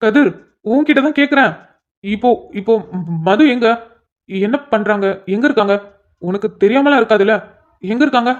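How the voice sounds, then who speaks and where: A man's voice: high voice, moderate pace, pauses often, lightly acted. A man voicing an anxious, lovesick police officer in a storybook cartoon, pleading and stammering when upset. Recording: dull lo-fi sound.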